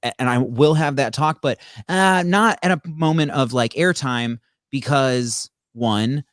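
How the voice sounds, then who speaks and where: A man's voice: mid-range voice, unhurried, a bit bright, no room sound, clean studio sound. A man in casual conversation, rambling with many restarts and stammers. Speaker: podcast co-host. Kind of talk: casual chat.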